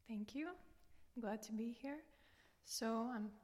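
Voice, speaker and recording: A Romanian woman, a student coach appearing as a podcast guest, explains things conversationally in an interview. Her voice is on the high side, slow and a little mellow, recorded in a reverberant, hall-like room.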